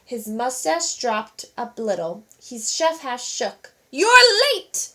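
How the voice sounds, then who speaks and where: A teacher reading a children's storybook aloud with expressive, animated narration. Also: female voice, on the high side, slow.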